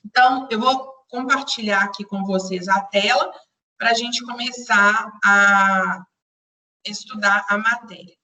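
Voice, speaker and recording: A woman's voice: medium pitch, steady tone, a little slow, sharp tone, far from the mic. A woman teaching a live online grammar class, patiently repeating explanations and speaking straight to her students. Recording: roomy echo, voice away from the mic.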